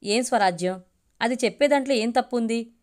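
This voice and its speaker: A woman voicing a gentle, reasonable father who reasons with his wife in a storybook reading. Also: fairly high pitch, a little fast, close to an everyday voice. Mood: reasoning.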